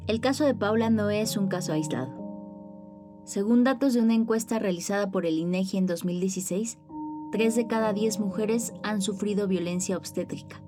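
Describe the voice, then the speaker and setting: A woman narrating a news report in a measured, scripted delivery. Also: mid-range voice. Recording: voice-over with music bed.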